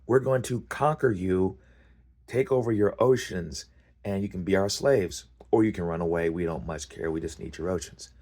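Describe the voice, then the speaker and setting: A man's voice: low voice, moderate pace, darkish tone. A man voicing a brazen, smug alien conqueror in a storyteller's tale, dismissive and breezily menacing with mock politeness.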